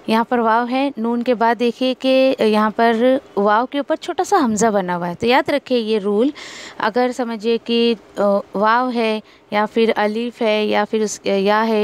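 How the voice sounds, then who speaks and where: A woman from India gives a recitation lesson in a slightly high voice. She walks through the rules with patience and repeats each sound slowly so learners can copy it. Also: clear, resonant tone. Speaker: Quran recitation teacher. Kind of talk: tajweed lesson, explaining and modelling recitation.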